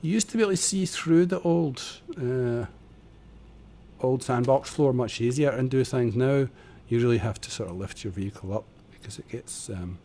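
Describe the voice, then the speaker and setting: A man's voice: mid-range voice, moderate pace, dark tone, slight background noise. A man streaming a building game, chatting and muttering casually as he works, on a desk microphone at home. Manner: chatty, muttering while building, self-deprecating. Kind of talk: casual live-stream tutorial commentary. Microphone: desk condenser microphone.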